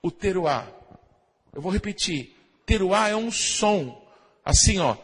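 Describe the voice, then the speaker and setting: A Brazilian pastor preaching a sermon, often asking the congregation "amém?" and imitating shofar blasts. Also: male voice, high voice, expressive, slow, breathy edge, in a large hall. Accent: Brazilian Portuguese.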